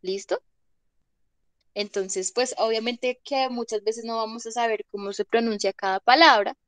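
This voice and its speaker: A woman's voice: a little high, steady tone, a little slow, dry recording. A young woman teaching an online English grammar class, patiently checking that students follow along.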